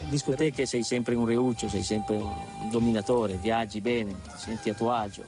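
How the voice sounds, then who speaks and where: A man's voice: medium pitch, fairly even intonation, normal speed, loud music behind the voice. A male TV host asking a guest chatty, playful questions with small restarts, from an archive interview.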